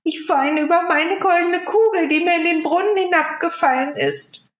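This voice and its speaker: A woman voicing a young, spoiled fairy-tale princess in a high, petulant voice. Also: normal speed. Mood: tearful. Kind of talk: storybook reading. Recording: roomy, dull lo-fi recording.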